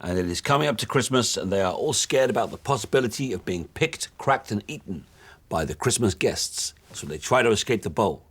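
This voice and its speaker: An actor playing a vain, oblivious rock musician, talking in a deadpan, rambling way full of little fillers. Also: male voice, on the low side, brisk, slightly rough. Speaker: aging rock star. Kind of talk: mockumentary monologue.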